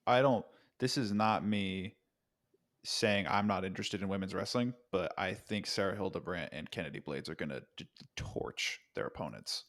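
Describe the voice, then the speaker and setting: A man co-hosting a casual wrestling podcast, relaxed and opinionated, talking in quick bursts. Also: low voice. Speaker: podcast co-host. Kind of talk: casual sports podcast chat.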